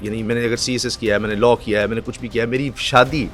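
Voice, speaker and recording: Middle-aged man, news anchor, lively storyteller, acts out quotes, faint music behind. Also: medium pitch. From Pakistan. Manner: animated storyteller, acts out quotes and recites verse slowly. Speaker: news anchor, podcast guest. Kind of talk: casual podcast chat.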